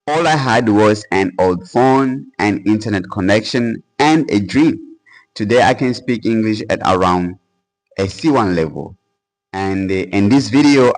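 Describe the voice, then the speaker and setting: Over a rough recording, a lowish-voiced young man gives an earnest motivational talk to camera in English. An English-learning YouTuber whose first language is Portuguese, he's from a Portuguese-speaking country and keeps it casual, dropping "bro" and fillers.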